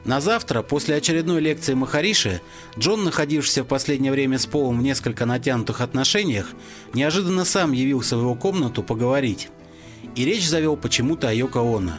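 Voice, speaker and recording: A man narrating an audiobook story in an expressive storytelling manner. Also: medium pitch, fast. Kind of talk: scripted narration. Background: background music.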